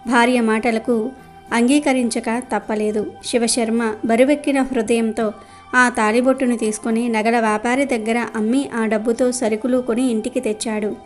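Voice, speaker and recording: A woman narrates a devotional tale in a steady, measured way. Her voice sits fairly high, and quiet music runs underneath. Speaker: storyteller.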